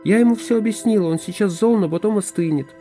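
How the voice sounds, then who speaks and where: A woman's voice: medium pitch, fast, warm tone, faint music behind, voice pushed up, natural voice. A man voicing a passionate young forest woman, pleading and intense in an audiobook. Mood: longing.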